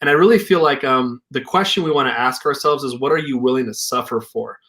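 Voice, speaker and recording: A man's voice: medium pitch, brisk, fairly bright tone. Reflective young man, casual. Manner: reflective, hedging with "like" and "you know". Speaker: co-founder and healing practitioner. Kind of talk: casual conversation.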